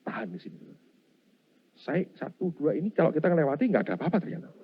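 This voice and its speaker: A man's voice: a little high, quick pace, husky. A middle-aged man, preaching a sermon and acting out his story, often calling the congregation Saudara. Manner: animated, acts out scenes, addresses congregation as Saudara. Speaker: pastor. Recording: dull lo-fi sound.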